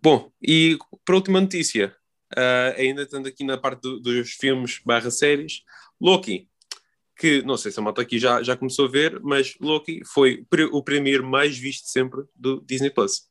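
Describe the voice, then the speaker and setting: A man's voice: medium pitch, moderate pace, fairly bright tone. A man with a European Portuguese accent hosting a casual podcast chat, informal and often circling back over his phrases. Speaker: podcast host.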